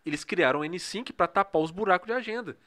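A man's voice: high voice, quick pace, a crowd in the background. A Brazilian man co-hosting a casual podcast, talking in an informal, slangy way. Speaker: podcast co-host.

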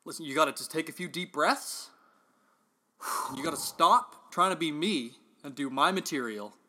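A man's voice: on the high side, lively intonation, normal speed, sharp tone, full character voice. A man playing a dad who can't stop telling corny jokes, rambling with fillers. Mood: playful. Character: corny joke-telling dad, self-styled family clown.

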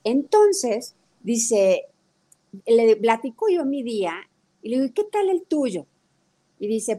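A middle-aged woman with a Mexican accent, talking as a guest about family nutrition, telling stories and acting out her daughter's lines. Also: medium pitch. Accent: Mexican Spanish. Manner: animated storytelling, acts out quotes of her daughter. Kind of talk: conversational talk interview.

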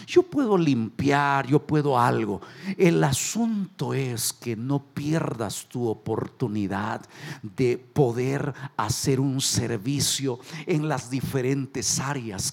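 A Mexican pastor preaching a sermon, animated and joking, urging the congregation to repeat phrases after him. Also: male voice, mid-range voice, takes it slowly, vocal fry. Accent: Mexican Spanish. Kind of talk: sermon with jokes and call-and-response.

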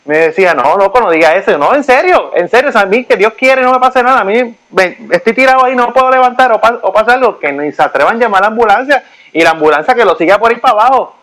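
Animated high-voiced man telling stories. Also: quick pace, poor audio. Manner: animated storytelling, repeats himself. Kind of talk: casual chat. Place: United States.

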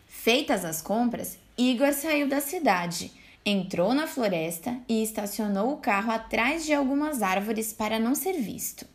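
A woman, a teacher hosting a story podcast, reading a children's tale aloud in an unhurried, expressive way. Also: fairly high pitch.

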